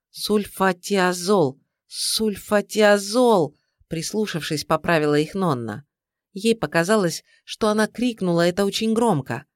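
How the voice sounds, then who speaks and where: A man tells the story in a calm, measured audiobook narration. His voice sits a little on the higher side. The recording is dry and close. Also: no echo.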